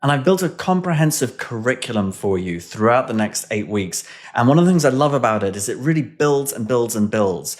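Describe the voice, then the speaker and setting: A man's voice: medium pitch, lively intonation, fairly quick, hardly any pauses. A man teaching an online coding course over a screen recording, conversational and upbeat, with self-deprecating asides. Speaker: course instructor.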